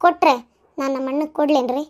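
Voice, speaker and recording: A woman's voice: high voice, fast, natural voice. A woman voicing a pleading young village wife. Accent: North Karnataka Kannada. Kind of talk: cartoon dubbing.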